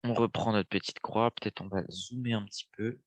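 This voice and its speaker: Brisk and steady in tone, this fairly low-pitched young man from France has a stuffy nose from a cold, and there's no echo. He hosts a casual live trading lesson, reasoning out loud and peppering it with fillers.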